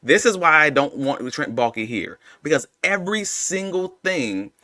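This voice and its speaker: A man's voice: a little high, big pitch swings, measured pace, bright, forceful tone, no room sound, clean studio sound. A young man co-hosting a casual sports podcast, ranting animatedly and arguing back and forth with himself. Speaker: podcast co-host.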